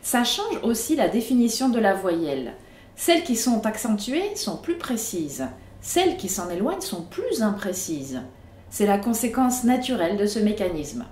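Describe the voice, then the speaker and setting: Slow, lively-voiced woman teaching pronunciation. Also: medium pitch, echoey room, slight background noise. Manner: clear, emphatic explanation. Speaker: Russian language teacher. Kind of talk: scripted video lesson.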